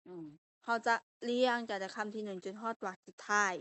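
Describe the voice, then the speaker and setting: A woman's voice: medium pitch, fairly even intonation, fairly quick, fairly bright tone, dry recording. Young woman teacher with a Lao accent. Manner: explanatory, checks in with students. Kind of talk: classroom grammar lesson.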